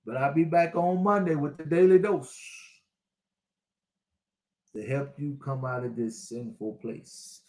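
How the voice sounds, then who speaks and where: A man's voice: on the high side, steady tone, unhurried, pauses often, warm tone, echoey room. A man in his sixties giving a preachy, repetitive motivational talk to his online viewers as a spiritual life coach. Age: 60s.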